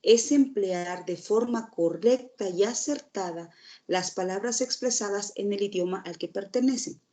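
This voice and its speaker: A woman's voice: mid-range voice, measured pace, dark tone. A woman teacher giving a recorded lecture, explaining steadily and asking the class rhetorical questions.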